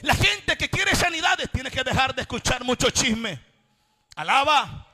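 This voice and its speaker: Male preacher, very high and sharp tone, impassioned sermon cadence, soft music under him. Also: very animated, measured pace. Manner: impassioned, repetitive preaching cadence, swinging between shouting and quiet.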